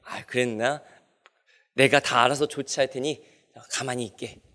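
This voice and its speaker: A preacher voicing a kindly old dean. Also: male voice, medium pitch, steady tone, moderate pace, pushed and bright, big-room sound, lightly acted. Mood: gentle. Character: gentle, generous older male seminary dean.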